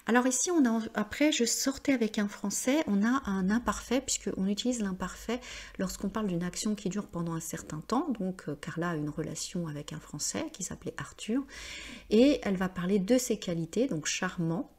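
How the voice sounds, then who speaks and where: A woman giving a patient language lesson, explaining step by step and often pausing with hesitations. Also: mid-range voice, lively intonation, a little mellow. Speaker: French teacher.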